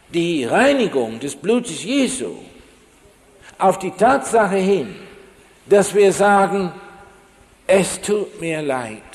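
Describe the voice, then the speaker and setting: A man preaching a sermon, telling a story from his own life with lively rhetorical asides. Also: medium pitch, in a large hall.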